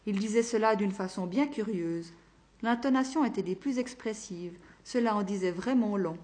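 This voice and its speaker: Brief: female audiobook narrator, steady storytelling voice. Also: mid-range voice. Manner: even, measured storytelling.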